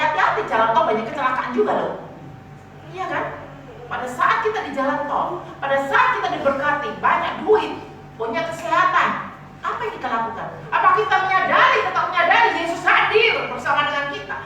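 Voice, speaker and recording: A woman preacher giving a lively sermon, teasing and calling out to her congregation. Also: sits high, brisk. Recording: echoey church hall from far off.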